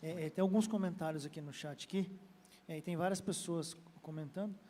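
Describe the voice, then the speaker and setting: Brazilian church show host, lots of ums, highish mellow voice, echo in a hall. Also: male voice, steady tone, fairly quick. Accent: Brazilian Portuguese. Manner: hesitant, many filler sounds and restarts. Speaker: program host. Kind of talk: hosting a church program, relaying chat questions.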